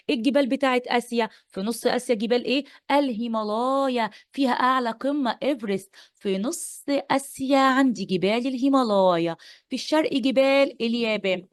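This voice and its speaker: A woman's voice: fairly high pitch, no echo, studio quality. A woman teacher with an Egyptian accent giving an exam-prep lesson, playful, repeating points and quizzing her pupils. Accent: Egyptian Arabic.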